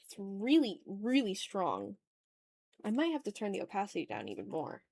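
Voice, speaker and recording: A woman streamer chats casually while drawing on an art livestream, muttering self-critically half to herself and half to viewers. Her mid-range voice swoops wildly in pitch at a normal speed, with a creaky, darkish tone. There's no room sound.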